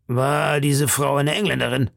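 A man reading aloud and voicing a stern, shrewd older captain of musketeers in a measured, lecturing manner. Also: mid-range voice, flat delivery, vocal fry, fairly bright tone, no echo, clean studio sound, voice pushed up. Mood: probing. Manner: measured, lecturing, drops to murmurs. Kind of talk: audiobook reading.

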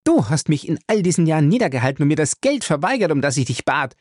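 A man voicing a hot-headed young man who shouts in a high, furious voice, reading an audiobook. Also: lively intonation, no echo, clean studio sound. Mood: defiant. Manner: shouting, furious, rapid outbursts.

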